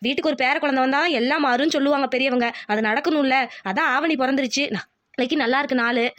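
A woman voicing a bossy, scheming village mother-in-law in a cartoon, talking quickly and insistently. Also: high voice, fairly even intonation, a bit bright. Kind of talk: cartoon voice acting.

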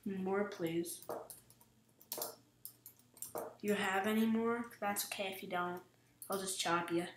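A woman's voice: mid-range voice, steady tone, slow, echoey room, a little hiss or hum. A woman giving casual, giggly, self-deprecating gameplay commentary as a vlogger. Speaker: gaming vlogger.

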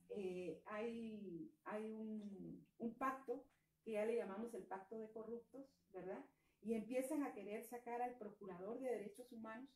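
A woman's voice: medium pitch, darkish tone. A woman from Guatemala with a Guatemalan Spanish accent, an activist earnestly explaining a political crisis, with frequent fillers and tag questions. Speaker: women's movement activist. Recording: echoey room from a distance.

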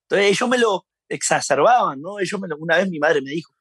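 A man with a Uruguayan Spanish accent telling stories in a casual interview, animated and laughing often. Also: sits high, fast, husky, no room sound. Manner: animated storyteller, laughs often, acts out shouts. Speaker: interview guest.

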